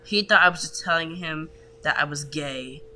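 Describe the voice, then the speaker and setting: A chatty, candid stream co-host who reads stories aloud and often trips over the words. The voice sits at a middle pitch. A steady hiss of noise runs under the whole recording. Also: normal speed. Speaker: livestream co-host. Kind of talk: casual chat, reading stories aloud.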